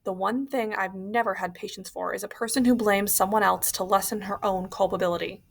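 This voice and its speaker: Woman narrator voicing a stern, scolding audiobook prison warden with a gravelly edge. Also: medium pitch, steady tone, brisk. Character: stern male prison warden, strict and angry.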